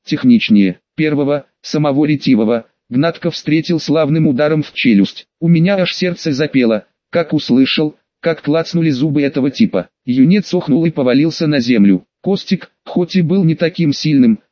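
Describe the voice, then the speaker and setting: A man reading a first-person audiobook in a steady, even storytelling manner. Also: on the high side, moderate pace, hardly any pauses, no room sound, muffled recording. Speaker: audiobook narrator.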